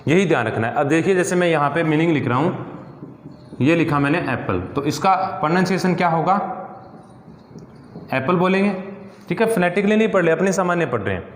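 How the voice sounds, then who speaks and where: A man's voice: fairly high pitch, animated, a little fast, long pauses. A male teacher explaining grammar step by step, often checking in with his class and asking rhetorical questions. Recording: echoey room with long reverb.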